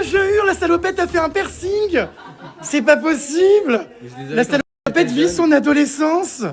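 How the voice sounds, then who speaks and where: High, lively man hosting a vlog. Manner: exuberant, theatrical exclamations. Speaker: vlog host. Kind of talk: excited vlog commentary. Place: indoor museum rooms.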